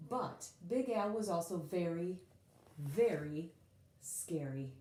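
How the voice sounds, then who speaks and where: A woman with a lowish voice reads a picture book for children with dramatic flair, drawing out the words that matter most. The sound is roomy.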